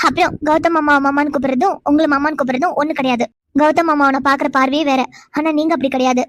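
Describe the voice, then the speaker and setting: Woman voicing a high, fast cartoon young woman. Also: steady tone, no echo, close to an everyday voice. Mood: tender. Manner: indignant, rapid retorts. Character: young woman Vino, quarrelsome fiancée. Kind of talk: cartoon dubbing.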